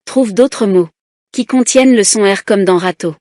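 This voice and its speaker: A woman teacher reading a children's lesson aloud, slowly and deliberately, splitting words into syllables. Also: medium pitch, warm tone, no echo, clean studio sound.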